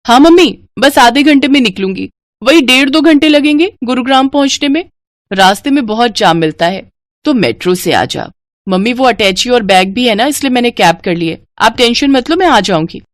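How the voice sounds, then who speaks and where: In a lightly acted cartoon role, a woman voices a polite, eager young married daughter, pitching above her own natural voice. The delivery is high-ish and lively at normal speed, recorded in a clean studio with no room sound.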